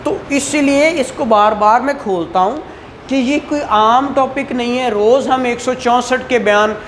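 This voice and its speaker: A fairly high-pitched woman speaking at a measured pace teaches law in an explanatory lecture, with a Pakistani accent and a mix of Urdu and English legal vocabulary. Short tag questions regularly check whether students keep up, and the room recording is clearly noisy.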